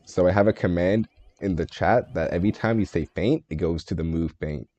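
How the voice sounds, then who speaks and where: Low, mellow-voiced male streamer, thinking aloud. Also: a little fast, dull audio. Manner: thinks aloud, answers chat, joking and self-deprecating. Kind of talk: live gameplay stream commentary.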